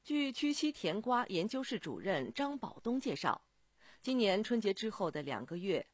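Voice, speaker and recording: Lively woman reading radio news. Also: mid-range voice, moderate pace, dry recording. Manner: bright lively newsreader delivery.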